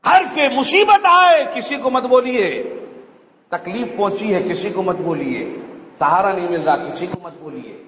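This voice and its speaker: A man preaching a sermon with passion, dropping to low murmurs and rising to shouts. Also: expressive, slight background noise. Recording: echoey hall, dull lo-fi sound, faint ambience.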